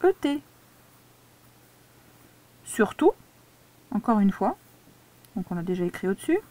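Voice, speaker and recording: A woman's voice: mid-range voice, very animated, measured pace, warm tone. A woman teacher giving a dictation lesson to a child, patiently spelling words out syllable by syllable. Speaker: primary school teacher.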